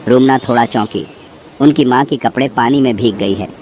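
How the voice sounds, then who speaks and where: Narrating a scripted horror tale, this man speaks at normal speed in a mid-range voice with a darkish tone. Behind him, the clear sounds of insects and birds fill the background.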